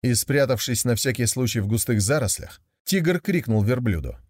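A man narrating a fairy tale in an expressive storybook manner. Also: mid-range voice, moderate pace, dry recording, studio quality. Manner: expressive, animated reading.

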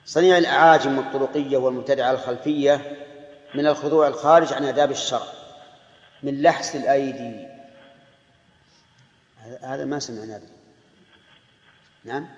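A Saudi man teaches in a slow, measured way, pausing and correcting himself as he explains. His voice rings through a large hall with a long echo. The old recording sounds dull and lo-fi. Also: mid-range voice, steady tone. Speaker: scholar explaining a classic text. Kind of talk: religious lesson commentary.

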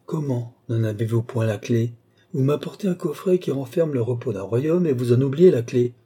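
A man's voice: medium pitch, expressive, mellow, slightly rough. A man reading as a cold, shrewd magistrate. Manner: brisk, cool, commanding. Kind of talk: audiobook reading.

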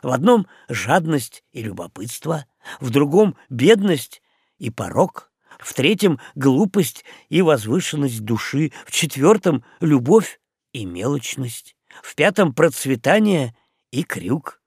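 A calm, oddly philosophical young ship's boy, as a male reader puts him on. He talks slowly in a lively, rising and falling voice with a gravelly edge. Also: mid-range voice, no room sound, studio quality, full character voice. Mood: matter-of-fact.

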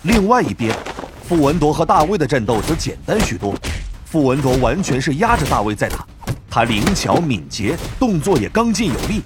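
A man narrating a novel audiobook in a dramatic, expressive storytelling manner. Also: a little high, normal speed, over music.

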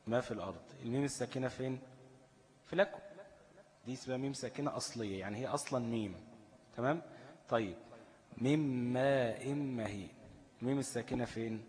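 A man with an Egyptian accent teaches a tajweed lesson, questioning his students in call-and-response fashion and drawing out the recited examples. His voice sits at medium pitch, slightly mellow, with a long reverb tail.

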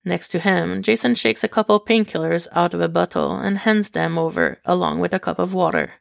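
A woman reading a fan story aloud in calm, intimate scripted narration. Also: fairly low pitch, a little fast, vocal fry. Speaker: podfic reader.

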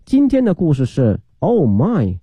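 A man's voice: a little high, wildly swooping pitch, a little slow, breathy edge, no echo. A man giving a scripted programme introduction as an announcer, with music playing behind him. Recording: loud music under the voice. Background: loud music.

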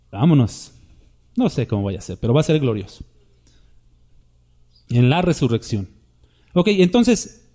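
A man's voice: mid-range voice, mellow. A man preaching a sermon in a conversational way, with asides to his congregation.

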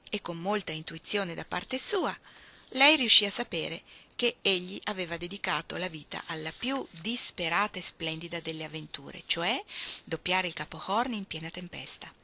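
A woman reading a literary novel aloud, expressive, dropping at times to hushed, almost whispered phrases. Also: lowish voice. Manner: expressive, shifting between soft hushed phrases and emphatic ones. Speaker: reader.

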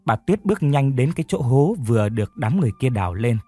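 A man narrating a sad story in the first person in a sorrowful, steady way. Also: medium pitch, quick pace, dry recording, faint music behind. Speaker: audiobook narrator.

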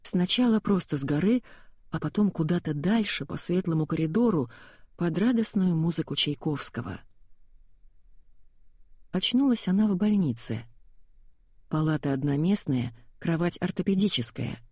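A woman reads a story aloud in an even, measured way. Her voice is low, mellow and slightly husky, recorded close and dry. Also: no echo. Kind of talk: audiobook story reading.

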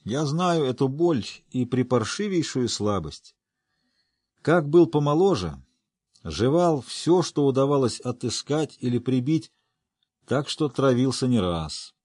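A man voicing a gruff, boisterous older male dwarf who talks in a rough, folksy, teasing way. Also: mid-range voice, sing-song, a little slow, darkish tone, no echo, studio quality, pitched above the performer's own voice. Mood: gruff jovial.

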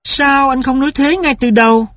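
A man's voice: extremely high pitch, steady tone, normal speed, fairly bright tone, no echo, clean studio sound, pitched above the performer's own voice. A man voicing a stern, impatient mother who scolds her husband and son. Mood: scolding.

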